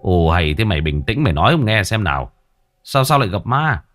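A man voicing a gruff, foul-mouthed old village man who scolds bluntly in a spoken ghost story. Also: low-pitched, big pitch swings, a little fast, a bit bright, faint music behind. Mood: puzzled.

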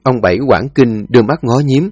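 A man narrating a story in an expressive, dramatic way. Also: mid-range voice, a little fast, no echo. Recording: dry studio voice over faint music.

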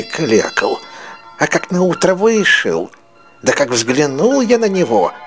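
A man's voice: fairly high pitch, pitched above the performer's own voice. A man voicing an irritable, superstitious village church deacon who grumbles and accuses his wife in a whining tone.

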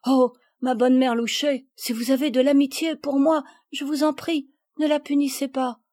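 Gentle little girl from a storybook, raised and high, earnest and pleading, as a woman reader puts her on. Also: moderate pace, no echo, clean studio sound, natural voice.

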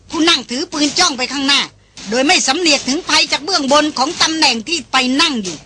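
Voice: high voice, background noise. An audiobook narrator reading an action novel aloud in a vivid, dramatic storytelling manner.

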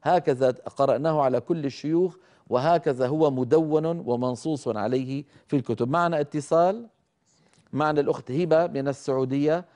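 A middle-aged man teaching Quran recitation, explaining rules and slowly demonstrating each sound. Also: a little high, darkish tone. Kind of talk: televised tajweed lesson with live callers.

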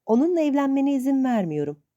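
A stern, bossy old aunt scolds and lectures in a raised, lively voice, as a woman reader puts her on. The tone is mellow and dark. The storybook recording sounds dull and lo-fi. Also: on the high side, normal speed, pitched above the performer's own voice. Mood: scolding.

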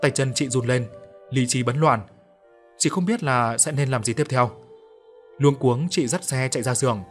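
A man narrating a horror story in a steady, dramatic reading style. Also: medium pitch, moderate pace, faint music behind. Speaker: audiobook narrator.

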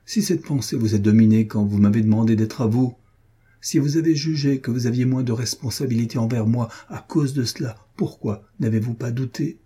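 A man's voice: medium pitch, brisk, mellow, slightly rough, lightly acted. Man reading Hélène, a furious wounded woman. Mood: pleading. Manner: impassioned, pleading, ironic reproach. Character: wounded, furious woman confronting her lover. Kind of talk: audiobook reading of a classic novel.

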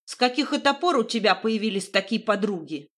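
A woman voicing a fussy, resentful older man in an audiobook, with a creaky, indignant, lecturing manner. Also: medium pitch, lively intonation, brisk, a bit bright. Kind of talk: audiobook reading.

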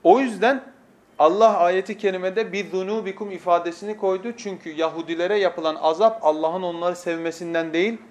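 A man with a high voice delivers a sermon-style lesson into a pulpit microphone. He moves from hushed, solemn passages to loud, emphatic oaths. He recites scripture in rapid bursts. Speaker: preacher teaching a lesson series. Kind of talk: sermon lecture.

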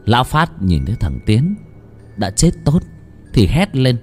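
A man narrating a horror story in a dramatic, expressive way. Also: medium pitch, a little slow, soft background music.

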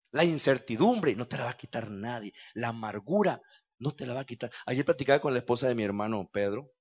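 A man preaching a fervent evangelical sermon, swinging between hushed speech and impassioned shouting, with frequent cries of hallelujah. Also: medium pitch, vocal fry, husky, lo-fi sound.

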